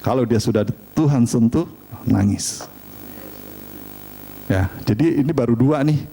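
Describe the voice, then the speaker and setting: A middle-aged man, preaching a sermon and telling family stories in an animated, humorous way. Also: medium pitch, measured pace, a little hiss or hum. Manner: animated storytelling, chatty and humorous. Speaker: pastor.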